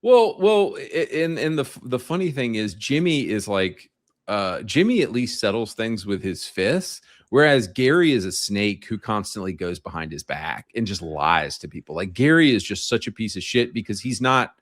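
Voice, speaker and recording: A man with a fairly low voice co-hosts a casual podcast. He speaks bluntly and firmly, often chiming in with quick agreement. The recording is dry and close-miked. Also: very animated, no room sound. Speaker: podcast co-host.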